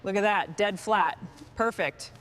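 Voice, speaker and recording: Her voice medium-pitched and a bit bright, a woman offers brief, approving task commentary to herself during a vehicle restoration. She keeps a measured pace, and there is slight background noise.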